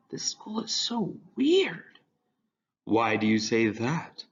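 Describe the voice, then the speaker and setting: Gravelly man reading a wry story. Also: lowish voice. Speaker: narrator. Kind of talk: scripted storybook narration. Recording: dull lo-fi recording.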